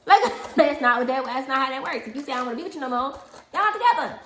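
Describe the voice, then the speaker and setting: A woman telling a personal story in casual chat, animated and laughing, acting out the people she quotes. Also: high-pitched, racing, slight background noise. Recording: roomy echo.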